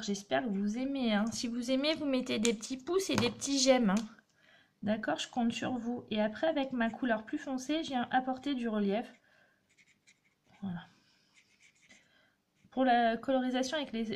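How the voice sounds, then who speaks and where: A woman's voice: on the high side, a little mellow, slight background noise. A woman hosting a craft tutorial, chatting and encouraging viewers as she demonstrates step by step. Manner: chatty, encouraging, talks while working.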